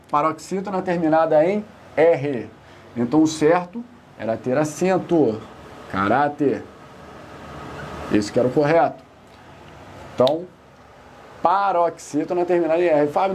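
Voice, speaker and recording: A male Portuguese teacher leading an exam-prep grammar lesson, repeating key terms for emphasis and slowing down to stress rules. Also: a little high, darkish tone, a little hiss or hum.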